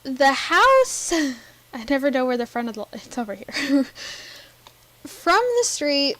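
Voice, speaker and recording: Chatty, giggly woman with a high voice. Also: sing-song, unhurried, a bit bright, no room sound, poor audio. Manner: chatty, giggly, rambling with frequent ums. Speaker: Sims gameplay narrator. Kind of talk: casual gameplay commentary.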